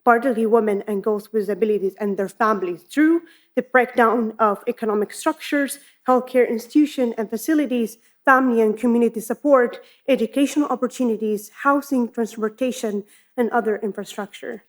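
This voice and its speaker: Young woman from Palestine giving a talk. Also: fairly high pitch. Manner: earnest, listing points deliberately. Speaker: PhD researcher presenting. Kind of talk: academic conference talk.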